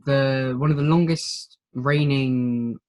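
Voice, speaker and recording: A British man from the United Kingdom answering questions in a casual group video chat, pausing often with ums. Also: mid-range voice, steady tone, darkish tone, rough recording. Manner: hesitant, many pauses and ums.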